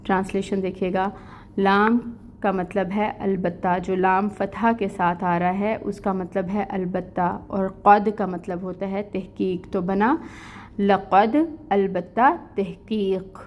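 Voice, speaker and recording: A woman's voice: medium pitch, level tone, a little hiss or hum. A woman with a Pakistani Urdu accent teaching an online tajweed lesson, explaining rules step by step in plain speech. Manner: slow melodic recitation of verses, then plain explaining.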